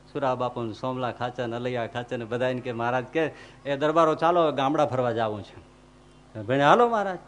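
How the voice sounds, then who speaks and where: A male swami tells devotional stories in a sermon. His voice sits high for a man, and the delivery is animated. He narrates with the flow of a practiced storyteller. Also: slight background noise. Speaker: swami preacher.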